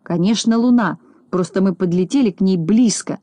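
A woman's voice: medium pitch, moderate pace, mellow, dry recording, lightly acted. A woman voicing an impatient, know-it-all little boy from a storybook. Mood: confident. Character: cocky curious little boy-shorty.

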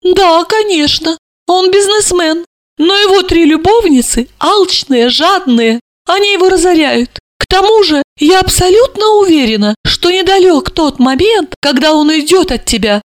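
A woman voicing a shrill, hysterical older mother who shrieks and scolds her grown daughter. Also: lively intonation, measured pace, no room sound. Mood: indignant. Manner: shrieking, scandalized, dramatic.

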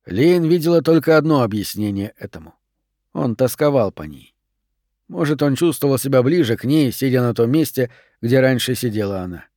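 A man narrates a novel with an even, measured reading at a middle pitch. The recording is dry and close, with no room sound. His pacing is steady and unhurried throughout. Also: dry recording. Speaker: audiobook narrator. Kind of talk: scripted narration.

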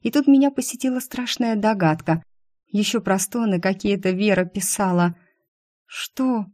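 A woman narrating a first-person audiobook in a wry, lively storytelling manner. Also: medium pitch, normal speed, no echo, studio quality.

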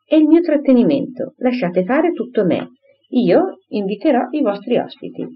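A woman's voice: fairly high pitch, big pitch swings, moderate pace, breathy edge, pitched above the performer's own voice. A woman reading an audiobook, voicing a pompous, bossy married lady who gushes and insists, in a dull lo-fi recording. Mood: eager, pushy. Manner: gushing, insistent, talks over others.

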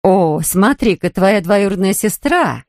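A woman's voice: on the low side, moderate pace, a little mellow, dry recording, clean studio sound, lightly acted. A woman reading an audiobook, voicing a nosy, chatty rich lady who keeps prying.

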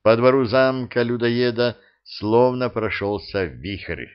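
A man narrating a humorous fantasy audiobook, bringing the characters to life in an expressive reading. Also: mid-range voice, slow, clear, resonant tone, muffled recording. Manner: expressive storytelling, acting out the characters. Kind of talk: scripted narration.

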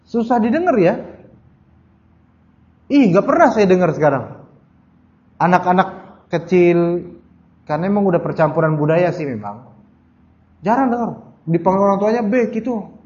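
A man's voice: high-pitched, animated, normal speed, pauses often, darkish tone. Chatty young man preaching, muffled. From Jakarta, Indonesia. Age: under 40. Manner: chatty, addresses audience directly with frequent asides. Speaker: Islamic preacher. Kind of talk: religious study lecture. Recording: dull lo-fi lecture recording.

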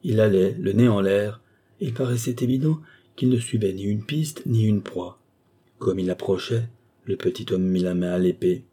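A male narrator reads a fantastic short story as an audiobook, in a measured, even storytelling manner. His voice is low and dark, with a husky, slightly breathy grain. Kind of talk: audiobook reading of a fantastic tale.

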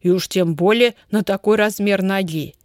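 Storybook grandmother, elderly woman, gentle and reproachful, read by a woman. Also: mid-range voice, normal speed, no echo, clean studio sound, natural voice. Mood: patient. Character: fussy kindly old grandmother.

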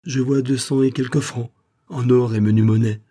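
A man's voice: medium pitch, fairly even intonation, moderate pace, warm tone, pitched above the performer's own voice, lightly acted. A man voicing a formal, composed magistrate who questions a witness and lays out his theory of the case. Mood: formal, grave. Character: measured, authoritative older male magistrate.

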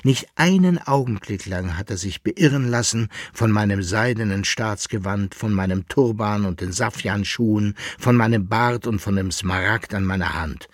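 A man's voice: on the low side, normal speed, few pauses, no room sound, clean studio sound, natural voice. A man voicing a proud, worldly son back from abroad, speaking earnestly in a radio reading. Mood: indignant. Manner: insistent, earnest.

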